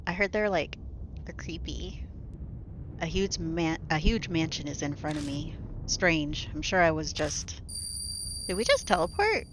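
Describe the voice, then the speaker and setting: This low-voiced woman is very animated yet a little slow, pausing often as she streams from home, reading a story game into her desk microphone. Her casual, soft-spoken chatter is full of "like" and "um," with background noise audible.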